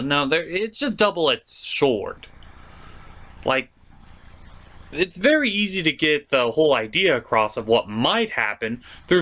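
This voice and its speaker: This cartoon review host has a slightly bright voice that sits on the high side. He delivers scripted, opinionated comedic commentary on a cartoon in an informal style, stressing words with exaggerated emphasis.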